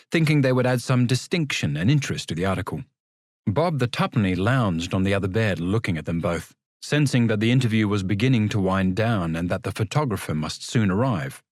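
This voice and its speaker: Guy narrating a novel, fairly low voice, really animated delivery, scripted storytelling. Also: dry recording, clean studio sound. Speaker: audiobook narrator.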